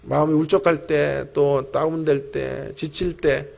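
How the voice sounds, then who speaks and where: A middle-aged man preaches a sermon as a pastor, telling a personal story with lively, animated delivery and talking straight to the congregation. His voice sits somewhat high and carries a noticeable gravelly fry. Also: measured pace. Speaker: pastor and professor preaching at a teachers' revival. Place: church sanctuary.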